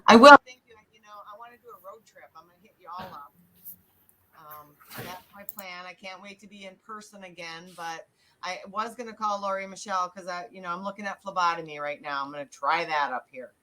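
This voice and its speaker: A woman's voice: lowish voice, brisk, a little hiss or hum, poor audio. Woman on a mic cutting in and out. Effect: mic cutting in and out, volume jumping loud and soft. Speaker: college workforce training staff. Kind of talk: casual roundtable discussion. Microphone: video call.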